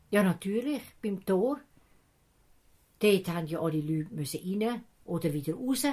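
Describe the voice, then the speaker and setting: A woman with a Swiss German accent tells children a Bible story in a lively way, acting out each character's voice. Her voice is fairly low and husky.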